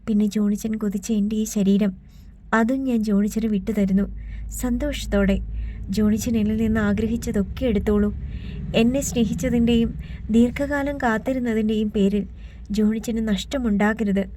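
A woman's voice: medium pitch, steady tone, normal speed, dark tone, slight background noise, lightly acted, poor audio. A woman voicing a proud, heartbroken young woman in an audiobook, speaking in a grave, resolute way. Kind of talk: audiobook reading.

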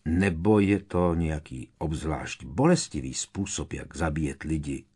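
A man's voice: a bass voice, lively intonation, a little mellow, breathy edge, heavily acted. A man voicing a nervous, worried teenage boy wizard in an audiobook. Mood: anxious. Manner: worried, quick questions.

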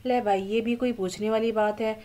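A woman voicing a lively, teasing young woman in an audio novel, chatty and dramatic. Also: on the high side, moderate pace, natural voice. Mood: playful.

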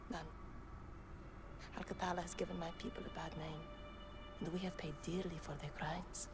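An actress playing a resolute young rebel commander in a video game, speaking gravely and in measured lines with an Arabic accent. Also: female voice, on the low side, flat delivery, over music, lightly acted. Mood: grave, stern. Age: young adult. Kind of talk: video game cinematic acting.

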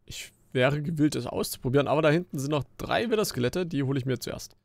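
A man giving casual gameplay commentary as a Let's Play host, chatty and grumbling, with jumpy bursts of excitement during fights. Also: fairly high pitch, fast talker, gravelly, dry recording, studio quality. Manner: chatty, grumbling and joking at the game.

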